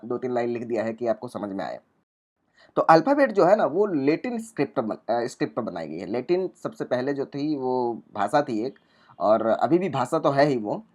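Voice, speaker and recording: A man's voice: medium pitch, darkish tone. A man teaching spoken English, explaining step by step and repeating each sound and example word while reading from notes on a laptop.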